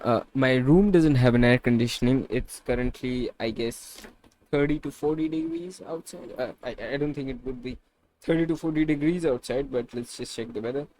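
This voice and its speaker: A man's voice: medium pitch, animated, moderate pace, darkish tone. A tired young man vents in a casual confessional vlog about feeling irritable and worn out, sweaty from the heat of his bedroom. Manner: frustrated, venting, repetitive. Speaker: vlogger documenting a fitness journey. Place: hot small bedroom.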